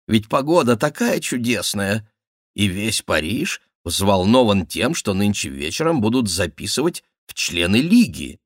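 Reading an audiobook, a man voices a wheedling royal duke in a coaxing, ingratiating tone, pitched above his own natural voice. His voice is mid-range, and the studio sound is clean with no room sound.

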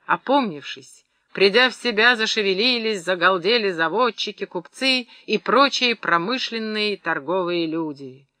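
Male audiobook narrator, expressive measured storytelling, high voice, sharp bright tone. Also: dry recording. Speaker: audiobook reader. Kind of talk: scripted literary narration.

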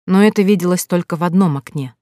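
A woman reading a fantasy audiobook in calm, even storytelling narration. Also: on the low side, fast, dry recording, clean studio sound. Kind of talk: scripted narration.

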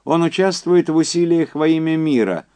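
A man reading an audiobook, voicing a middle-aged man on the phone who speaks with bitter, insinuating irony in a noticeably higher, louder voice than his own. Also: moderate pace, clean tone, close to an everyday voice. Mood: sardonic. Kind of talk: audiobook character voice.

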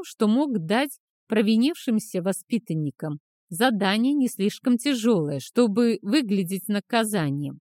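A woman narrating a fantasy audiobook in a steady, even reading voice. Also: medium pitch, no room sound, clean studio sound.

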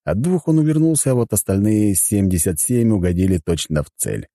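A male audiobook narrator reads first-person prose in a wry, conversational way. His low voice moves a lot in pitch, with a dark, mellow tone. The recording is dry and close-miked. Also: very animated, brisk, no room sound.

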